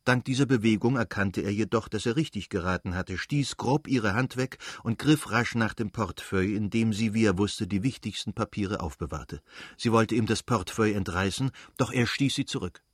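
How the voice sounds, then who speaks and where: A man with a husky voice narrating a novel in a measured, even manner. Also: fairly low pitch, no echo, studio quality. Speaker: audiobook narrator.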